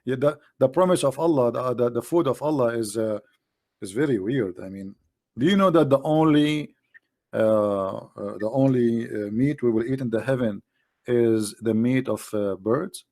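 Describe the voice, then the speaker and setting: Debating in a relaxed, animated way, this native Arabic-speaking man teases, pushes his arguments, and lifts his voice to stress points. His pitch is medium and his pace moderate.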